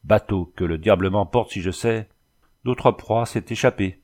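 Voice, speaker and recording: A man's voice: lowish voice, measured pace, darkish tone, natural voice. Man doing a rowdy drunk ragged ruffian. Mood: gruff. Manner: rambling, blustering, swearing.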